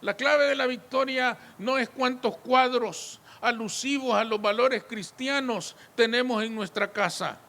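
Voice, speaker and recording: Male pastor, high and bright voice, emphatic sermon delivery. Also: measured pace, few pauses, in a large hall. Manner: emphatic preaching, repeated appeals to the congregation.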